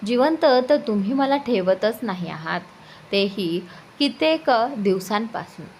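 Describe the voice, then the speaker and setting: A woman voicing a mischievous young husband who sneaks up on his wife, speaking in a low, whispery tone. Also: lively intonation, measured pace, vocal fry, darkish tone, a little hiss or hum.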